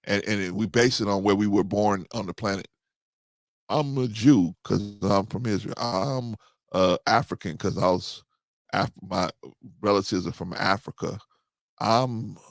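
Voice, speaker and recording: Low-voiced man hosting, dry sound. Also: vocal fry, no echo. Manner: conversational, repeats "right?". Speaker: host. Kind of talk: casual discussion.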